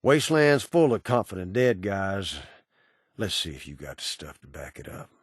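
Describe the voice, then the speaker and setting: Menacing ghoul cowboy, deep voice, Southern US accent, sardonic drawl, wasteland bounty broker, video game dialogue, dry studio sound. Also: male voice, very animated, normal speed, husky, no room sound, full character voice. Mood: dry, taunting. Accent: American Southern.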